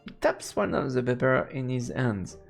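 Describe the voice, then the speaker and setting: A man with a very animated, gravelly voice at a moderate pace does playful let's play commentary, reading a visual novel aloud and breaking into silly high-pitched exclamations. Game music plays behind him.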